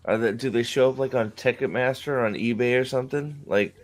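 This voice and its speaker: A man's voice: medium pitch, brisk, soft background music. Rambling forty-something male streamer. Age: 40s. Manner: rambling, joking, lots of restarts and fillers. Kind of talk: casual chat.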